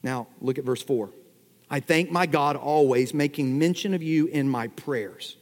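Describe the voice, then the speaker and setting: Emphatic preacher in a reverberant hall. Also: male voice, mid-range voice, unhurried, darkish tone. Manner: emphatic, asks the congregation rhetorical questions. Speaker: pastor. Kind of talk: expository sermon. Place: church sanctuary.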